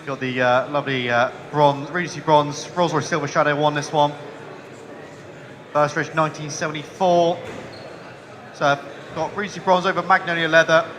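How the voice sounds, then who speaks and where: A man's voice: on the high side, little pitch movement, normal speed, long pauses, a bit bright. A man working as an auctioneer at a live sale, calling and repeating bids in a chant.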